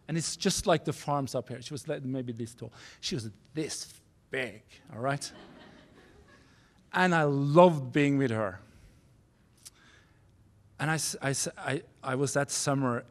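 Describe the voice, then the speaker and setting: A man in his forties from Norway with a Norwegian accent, giving a keynote speech at a university podium, earnest and halting, restarting phrases in non-native English. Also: mid-range voice. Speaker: keynote speaker. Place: university auditorium stage. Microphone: podium microphone.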